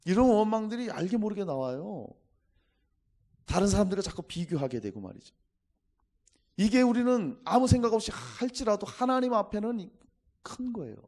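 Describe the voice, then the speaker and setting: A man's voice: high-pitched, animated, moderate pace, long pauses, a little mellow. A man preaching a Sunday sermon as pastor, emphatic and exhorting his congregation again and again.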